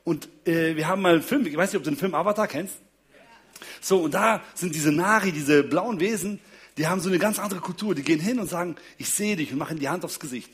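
A man's voice: fairly high pitch, quick pace. A man giving a humorous talk on marriage to an audience, telling stories about his wife and kids and checking in with listeners as he goes. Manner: keeps checking in with listeners, chuckles often. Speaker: speaker on marriage and relationships.

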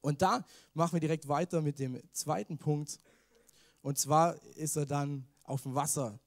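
A man's voice: on the high side, fairly even intonation, a little slow. A man preaching a casual sermon. He talks in a chatty way, mixes in English slang and keeps asking the listeners questions. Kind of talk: informal youth sermon.

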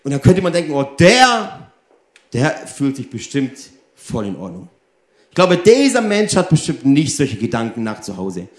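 In a roomy-sounding recording, a man from Germany delivers a sermon at medium pitch and moderate pace. He's animated, speaking straight to those listening and asking them rhetorical question after rhetorical question.

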